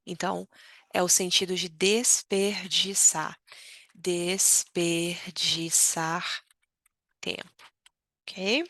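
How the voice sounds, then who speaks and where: A woman's voice: fairly low pitch, vocal fry, fairly bright tone, no echo, clean studio sound. A young adult Brazilian woman teaching a vocabulary lesson, speaking carefully and repeating words for learners. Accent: Brazilian Portuguese. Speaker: Portuguese teacher. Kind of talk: vocabulary lesson explaining expressions.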